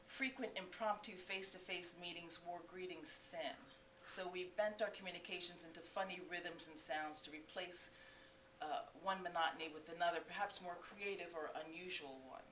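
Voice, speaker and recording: Echoey, bright-voiced woman reading aloud. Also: fairly low pitch, moderate pace. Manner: animated, laughing, chatty asides. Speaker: author reading her own book. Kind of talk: live book reading with spoken asides. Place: bookstore, live audience. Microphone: distant room mic. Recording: echoey room, mic far off, faint hiss.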